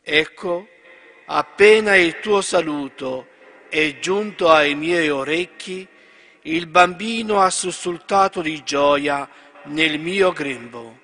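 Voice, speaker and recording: A man reading the Gospel at Mass in a measured, solemn manner, recorded in a large church. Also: fairly high pitch, bright, forceful tone. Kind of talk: liturgical reading. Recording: long church reverb.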